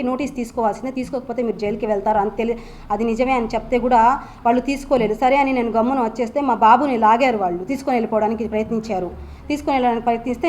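A woman's voice: on the high side, a little mellow. Woman, Nellore Telugu accent, young adult, urgent, aggrieved, faint background hum. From Andhra Pradesh, India. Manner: urgent, aggrieved, many restarts and repeats. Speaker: wife speaking at a press meet. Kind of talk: emotional press statement.

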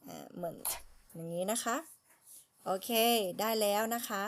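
A woman teaching phonics, patiently spelling letters one by one and repeating words slowly. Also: mid-range voice, creaky, slight background noise. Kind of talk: slow spelling and pronunciation lesson.

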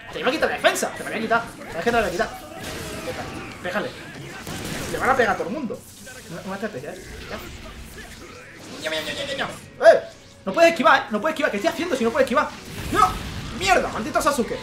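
A man with a Spain Spanish accent giving excitable let's play commentary, with frequent swearing and exclamations. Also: very high voice, fast, background noise. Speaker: gaming channel host.

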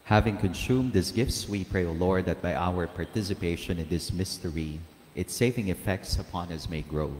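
A man's voice: sits low, moderate pace, few pauses, darkish tone, a little hiss or hum. A man serving as priest, leading Mass prayers in a solemn, chanted way, with a cathedral echo around his voice. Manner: solemn, chanted liturgical delivery. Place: large church. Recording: roomy church with long reverb and faint ambience.

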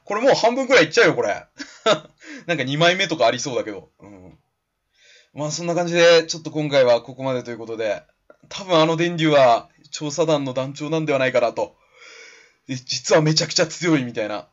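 A let's play commentator with a slightly bright, higher-side male voice chats and laughs while playing a video game. The lo-fi recording sounds slightly dull, with faint game music underneath.

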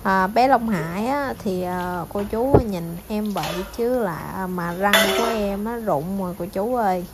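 A woman's voice: medium pitch, measured pace, few pauses, very noisy. A young woman, chatting casually to her viewers about her pets and cooing to her dogs. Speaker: pet vlogger.

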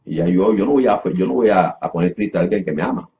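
A man's voice: low voice, animated, fast, dark tone. A man preaching a Bible lesson in a sermon style, repeating phrases and restarting often, calling listeners brother. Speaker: preacher teaching a class. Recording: dull lo-fi recording.

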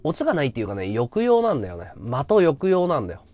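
A man's voice: medium pitch, huge pitch swings, fast, darkish tone, no echo, soft background music. A man hosting a casual livestream chat, talking freely and thanking viewers for gifts. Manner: chatty, reacts to viewer gifts. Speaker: livestream host.

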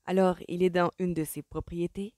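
Grumbly hot-headed young guy, a woman putting him on, dark mellow tone, gruff. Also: lowish voice, normal speed, dry recording, studio quality, natural voice. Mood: triumphant. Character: angry young man, hot-tempered elder brother.

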